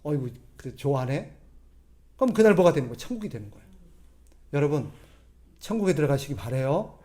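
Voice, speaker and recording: Male pastor, high voice, conversational sermon full of questions to the congregation. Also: very animated, fast talker, dark tone. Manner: acts out quoted voices in a gruff tone.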